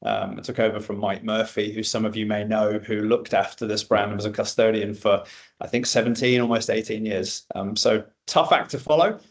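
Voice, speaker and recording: A man introducing himself as a roastery general manager on a webinar panel, relaxed, with frequent ums. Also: fairly low pitch, fairly quick. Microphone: video call.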